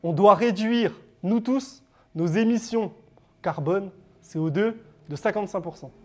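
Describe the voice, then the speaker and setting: A man giving a public lecture with slides, talking straight to his audience and pausing often on filler sounds. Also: high voice. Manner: hesitant, frequent "euh" fillers and restarts; addresses the audience directly. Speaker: conference speaker.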